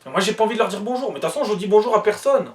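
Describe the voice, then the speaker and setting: Heated, high-voiced man ranting. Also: lively intonation, rapid-fire, recorded from a distance. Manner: heated, blunt and repetitive. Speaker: commentator reacting to news. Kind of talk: ranting monologue and news reading.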